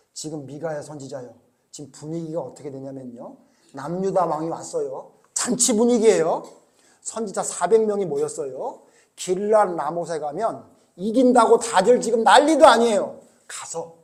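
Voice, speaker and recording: A man's voice: fairly high pitch, lively intonation, moderate pace, darkish tone, close to an everyday voice. A male pastor acting out a royal servant urging a prophet to go along with the crowd. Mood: coaxing.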